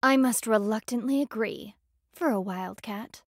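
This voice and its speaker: A woman's voice: on the high side, measured pace, no echo, studio quality. A woman playing a stern, pompous animal law officer in a video game, speaking formally and in clipped phrases. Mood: indignant.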